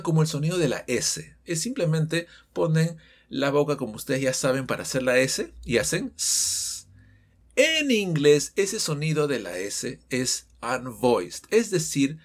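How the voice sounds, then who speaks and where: A man's voice: a little high, breathy edge. A man teaching English pronunciation in an audio lesson, explaining patiently and asking his students questions.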